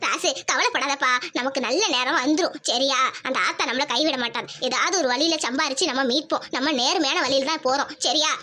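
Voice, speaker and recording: A woman's voice: sits high, a little fast, hardly any pauses, bright, forceful tone. A woman voicing a kindly, comforting old village mother in a cartoon, soothing and motherly.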